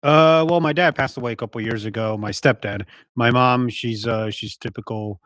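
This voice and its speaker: A man's voice: medium pitch, normal speed, a bit bright, no room sound. Man, 40s, from Poland, native Polish, reflective, hesitant, dry close sound. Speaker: podcast guest. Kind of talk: casual interview.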